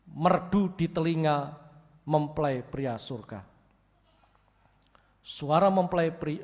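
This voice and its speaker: Javanese-accented pastor preaching jokily, echoey hall. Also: male voice, fairly high pitch. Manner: joking, mixes Javanese phrases, playful asides. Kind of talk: sermon with humor. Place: church.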